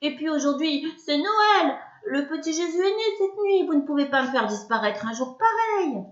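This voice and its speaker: A woman's voice: high voice, fairly even intonation, unhurried, darkish tone, pitched above the performer's own voice. A woman playing a flustered pleading man. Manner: pleading, apologetic. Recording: echoey room, dull lo-fi sound.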